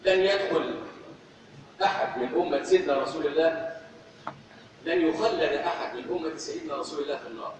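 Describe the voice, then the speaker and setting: Brief: fast-talking Egyptian man preaching fervently, slightly high voice, distant in a big reverberant hall. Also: a little hiss or hum. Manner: fervent, repeating phrases for emphasis. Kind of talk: sermon. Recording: echoey hall, distant, dull.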